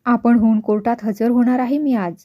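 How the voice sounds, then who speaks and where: A woman voicing a remorseful young man who speaks calmly and quietly to his father. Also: a little high, moderate pace, dull audio, lightly acted. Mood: calm pleading. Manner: calm, pleading, quiet.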